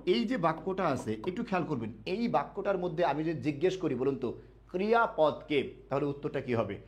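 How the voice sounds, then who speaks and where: In a live online grammar class for admission students, the male instructor answers his own questions and repeats important words at a slow pace. He speaks on the high side and sounds animated.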